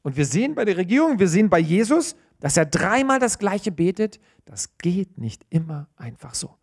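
Earnest man preaching a lively sermon. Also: high-pitched, normal speed, slightly rough. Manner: earnest, animated, with frequent restarts and fillers. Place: church.

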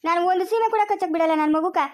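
A woman acting in a village family skit with a rural Chikkaballapur Kannada accent, scolding and coaxing in quick rustic speech. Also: very high-pitched, a little mellow.

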